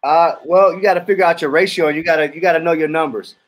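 Male trainee on a video call, slightly raised pitch, works through his answer aloud. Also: steady tone, fast. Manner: thinks aloud with fillers and restarts.

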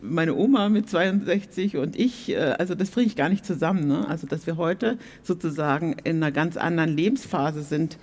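A woman's voice: deep voice, normal speed, hardly any pauses, darkish tone. Reflective woman in her sixties. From Germany. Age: 60s. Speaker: panel guest. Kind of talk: stage panel talk. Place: theatre stage.

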